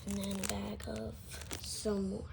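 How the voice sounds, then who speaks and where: A woman talks through an unboxing in a flat, even tone. She goes slowly and haltingly, breathing heavily between phrases. The phone is very close, with clear noise and crinkling packaging. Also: medium pitch. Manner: flat, halting item-by-item delivery. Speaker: fishing tackle unboxing vlogger. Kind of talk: casual hands-on unboxing narration. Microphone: phone held very close, at times in the mouth. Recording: noisy handheld phone with rustling packaging. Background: crinkling packaging, clicks and noise.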